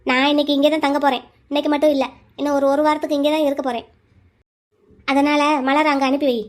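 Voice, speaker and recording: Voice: high-pitched, little pitch movement, fast, voice pushed down, natural voice. A woman doing a stern old cartoon grandmother. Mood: scolding. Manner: insistent, scolding. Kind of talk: cartoon storytelling.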